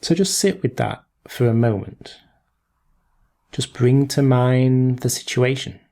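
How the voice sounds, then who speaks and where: A man's medium-pitched voice guides a meditation, mellow and soft-edged with a gravelly creak. His gentle directions come very slowly, broken into short phrases with long silences between.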